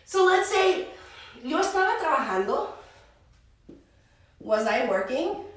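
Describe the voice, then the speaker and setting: A woman English teacher on a live stream, switching between Spanish and English and slowing down for example sentences. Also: sits high, sing-song. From United States. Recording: echoey room, voice a little far from the mic.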